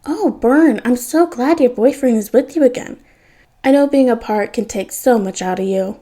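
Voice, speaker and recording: A woman's voice: a little high, moderate pace, dark tone, pitched above the performer's own voice, close to an everyday voice. A woman reading fan fiction aloud, voicing a chirpy female villain who teases two friends as a couple. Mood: teasing. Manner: gushing, teasing.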